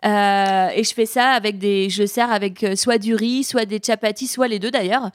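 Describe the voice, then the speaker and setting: A woman who cooks Indian food for a living, chatting in an interview and pausing often as she thinks aloud. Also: medium pitch, fairly even intonation, clean tone, no room sound, clean studio sound. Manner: hesitant, thoughtful, many pauses and restarts. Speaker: chef of Indian cuisine. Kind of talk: casual interview conversation.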